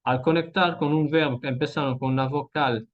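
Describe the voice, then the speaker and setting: A man teaching a language lesson in Spanish, speaking deliberately, repeating words and checking in with "ok?" after each point. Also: on the high side, fairly even intonation, muffled recording. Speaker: French teacher.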